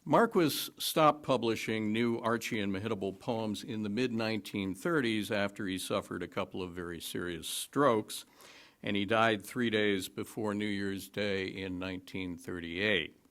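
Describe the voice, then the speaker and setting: A man introducing a reading to a congregation, halting at first, then telling the backstory with dry, wry humor. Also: fairly low pitch, fairly bright tone. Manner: hesitant start, then wry storytelling. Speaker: lay speaker at a worship service.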